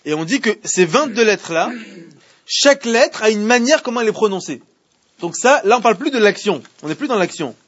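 High, husky man teaching a Torah class. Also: lively intonation, fairly quick. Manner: questions the students, repeats himself, restarts. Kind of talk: Torah class in French with Hebrew readings. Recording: muffled lo-fi classroom recording.

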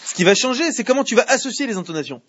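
High, husky man teaching a Torah class. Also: big pitch swings, very fast, fairly bright tone. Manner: questions the students, repeats himself, restarts. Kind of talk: Torah class in French with Hebrew readings. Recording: muffled lo-fi classroom recording.

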